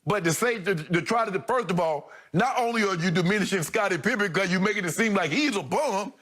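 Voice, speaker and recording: Male debate co-host, high voice, forceful and rhetorical. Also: animated, brisk. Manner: emphatic, rhetorical, pushes back forcefully. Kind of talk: debate show commentary.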